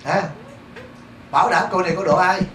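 A man with a Southern Vietnamese accent, a Buddhist monk giving a lively dharma talk and asking his congregation rhetorical questions. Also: sits high, normal speed. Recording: echoey room, distant mic, faint hiss.

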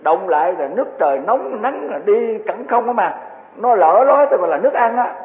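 A man's voice: high-pitched, animated, moderate pace. A man giving a Buddhist sermon, earnest and repetitive, full of vivid everyday examples. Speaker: Buddhist dharma teacher. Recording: tinny phone-like echoey hall.

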